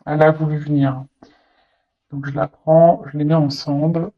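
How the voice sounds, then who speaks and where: A woman talks viewers through a tarot reading in a loose, conversational way. She hesitates often, fills pauses and restarts her sentences, with a teasing, chatty edge. The recording sounds dull and muffled. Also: sits low, little pitch movement. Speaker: tarot card reader.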